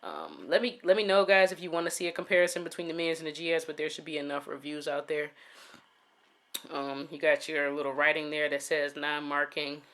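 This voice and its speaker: A man's voice: a little high, a little fast, bright, forceful tone. Laid-back man reviewing sneakers. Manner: laid-back, many "um" fillers, talks to "you guys". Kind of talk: casual product review.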